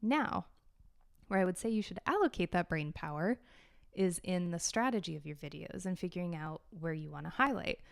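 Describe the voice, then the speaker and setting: A young adult woman co-hosting a podcast in casual chat, excitable and chatty with quick asides. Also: fairly low pitch, vocal fry, no echo, studio quality. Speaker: podcast co-host.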